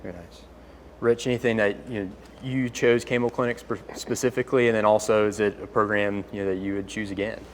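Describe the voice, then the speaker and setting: Low-voiced young man moderating. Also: level tone, fairly quick, slight background noise. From East Tennessee. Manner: friendly, guiding questions. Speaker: moderator, fifth-year resident. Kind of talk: panel discussion.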